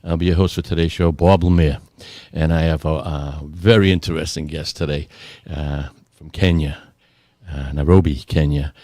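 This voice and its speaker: A man in his sixties from Massachusetts, hosting a casual interview in a halting way with many fillers and restarts. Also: a bass voice, steady tone, dark tone, dry recording, studio quality. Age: 60s. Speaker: host.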